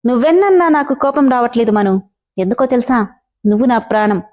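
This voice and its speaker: A woman voicing an obsessive, mocking young man in a storybook reading, in her own high, mellow voice. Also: brisk, close to an everyday voice. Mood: taunting. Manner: taunting, possessive.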